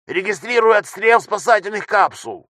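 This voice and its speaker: A man voicing a frantic young male ship technician who shouts rapid reports over the intercom, in an audiobook reading. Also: high voice, expressive, dry recording, clean studio sound, voice pushed up. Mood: shouting urgently.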